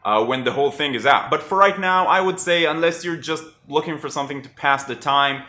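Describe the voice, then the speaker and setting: A man chatting through a casual TV review vlog in a wry, animated way. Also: fairly high pitch, fairly quick, reverberant. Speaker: TV review vlogger.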